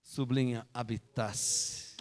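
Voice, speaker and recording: A man's voice: medium pitch, fairly even intonation, slow pace, darkish tone. A Brazilian man preaching a sermon, teaching verse by verse and throwing rhetorical questions at the congregation with emphatic delivery. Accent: Brazilian Portuguese. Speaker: pastor.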